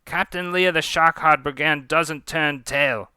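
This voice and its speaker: A man's voice: a little high, fairly even intonation, measured pace, pushed and bright, clear, resonant tone, no room sound, studio quality, pitched above the performer's own voice. Man playing brash Cockney-ish female pirate captain Leah. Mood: scornful, menacing. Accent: attempted Cockney, slipping toward Australian. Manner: brash, menacing, salty slang. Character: vengeful swaggering female pirate captain, a vampire.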